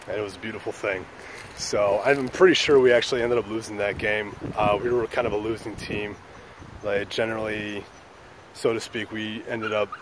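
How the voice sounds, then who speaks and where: A man's voice: fairly low pitch, background noise. A man hosting his own channel, telling a story in a loose, joking, profane way. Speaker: channel host. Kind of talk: casual storytelling vlog.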